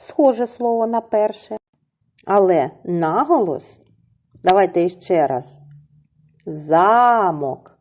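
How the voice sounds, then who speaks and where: Through a muffled recording, a lowish-voiced woman teacher with a Ukrainian accent takes children through a lesson, splitting words into syllables and explaining each point slowly and with care.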